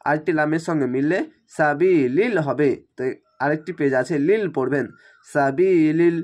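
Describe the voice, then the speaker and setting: A man teaches a spelled-out recitation lesson, splitting words into letters and vowel marks, explaining slowly and patiently repeating himself. His somewhat high voice is a little mellow but slightly strained, as though he is a bit unwell.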